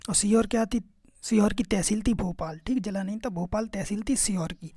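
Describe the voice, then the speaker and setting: A male exam-prep teacher talks through a casual lesson in a dark, mellow voice. He keeps checking in with "okay" and "remember this", quizzing his listeners as he goes. The sound is dry and close, with no room around it. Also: high-pitched, a little fast, breathy edge, dry recording.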